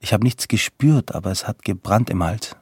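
Playful curious young woman, man reading her in a husky voice, dry close sound. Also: lowish voice, lively intonation, moderate pace, no echo. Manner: quoted lightly in the narrator's own voice.

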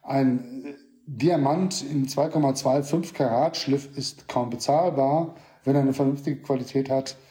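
A man's voice: medium pitch, unhurried, mellow. A man speaking casually and explaining things in a voice message recorded on his phone. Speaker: goldsmith.

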